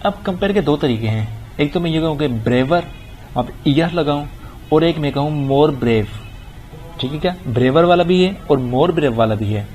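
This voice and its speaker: A middle-aged man teaching an English grammar lesson, reading example sentences slowly and deliberately. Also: a little high, lively intonation, darkish tone, faint music behind. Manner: explains in Urdu-leaning Hindi, reads English examples slowly and deliberately. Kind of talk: recorded grammar lecture.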